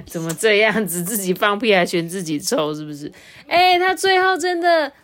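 A woman with a Taiwanese Mandarin accent reads a children's picture book aloud to her child. She sounds gentle and stops to explain parts of the story. Her voice sits at a middling pitch. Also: lively intonation, normal speed. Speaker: mother reading to child.

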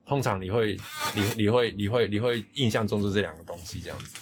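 A man from Hong Kong speaks Mandarin with a Taiwanese accent, hosting a relaxed podcast. He talks fast and chattily, often laughing, in a somewhat low voice. Faint music plays underneath. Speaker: podcast host. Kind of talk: casual chat.

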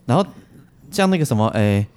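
A man's voice: medium pitch, big pitch swings, a little fast, darkish tone, clear, resonant tone. A man with a Taiwanese accent bantering casually as a chat show co-host, mixing Taiwanese Hokkien into his Mandarin.

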